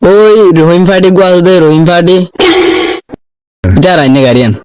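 A man's voice: high-pitched, moderate pace, darkish tone, reverberant, in a large hall, lightly acted. A man with a Chittagonian Bengali accent playing a local informant in an amateur comedy skit. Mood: deferential.

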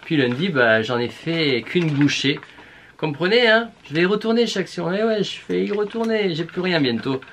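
A man's voice: a little high, animated, moderate pace, fairly bright tone, slight background noise. A man with a southern French accent chatting casually to viewers in a shopping haul vlog, playful and full of exclamations. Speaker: beauty vlogger.

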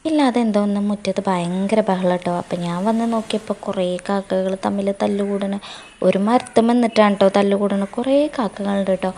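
A woman's voice: medium pitch, steady tone, a little fast, warm tone, a little hiss or hum. A young woman from Kerala with a Malappuram Malayalam accent, narrating her home vlog in a chatty way and tagging her sentences with a friendly "tto". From Kerala, India. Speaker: vlogger.

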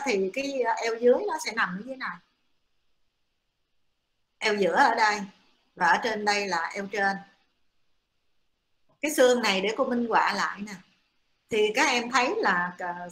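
A woman's voice: mid-range voice, fairly bright tone. A woman giving a classroom lecture to students, explaining step by step with many hesitant fillers. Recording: echoey room.

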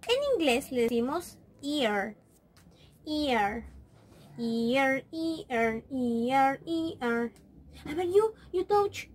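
A woman teaching a lesson to small children, coaxing them slowly and drawing out each word she repeats. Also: high voice, a little hiss or hum. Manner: slow, coaxing, drawn-out repetition of words. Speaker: preschool teacher.

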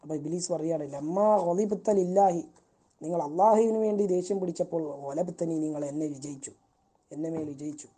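A woman's voice: fairly low pitch, brisk, dark tone, slightly rough. A woman teacher reading a story phrase by phrase and translating each line as she goes. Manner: reads each phrase, then explains it in her own language.

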